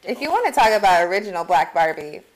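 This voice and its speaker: A woman's voice: on the low side, sing-song, fast talker, low-quality recording. Chatty woman podcast co-host recapping a film. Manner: chatty, laughs often, quotes characters mid-recap. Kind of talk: casual chat recapping a film.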